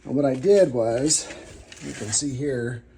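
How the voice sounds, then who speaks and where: A man's voice: medium pitch, measured pace, warm tone, slight background noise. A man in his garage, chatting casually and rambling a little as he talks straight to his viewers about his car project. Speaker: DIY car builder vlogger. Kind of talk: casual talk to camera. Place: home garage.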